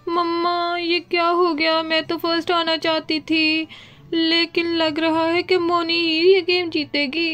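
A woman's voice: very high-pitched, flat delivery, unhurried, a bit bright. A woman voicing an eager young village girl in a doll story, plaintive about losing a game.

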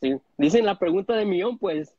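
A man's voice: sits high, lively intonation, normal speed, slight background noise. A man, joining a live stream by phone from home and telling crude stories with many restarts. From United States. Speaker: guest caller on a live stream. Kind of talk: casual chat. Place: indoor room at home. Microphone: phone front camera at arm's length. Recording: dull lo-fi phone audio.

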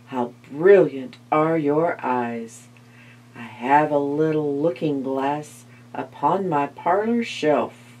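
A woman voicing a cunning male spider in a read-aloud storybook, coaxing in a slow, honeyed way. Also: sits low, warm tone, a little hiss or hum, poor audio. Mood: flattering. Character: cunning male spider, smooth sweet-talker.

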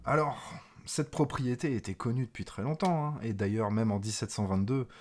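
A man teaching music theory in a lively, emphatic way, with playful asides, as he plays examples on the piano. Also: medium pitch, moderate pace. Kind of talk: explanatory video lesson. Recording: piano playing alongside the voice.

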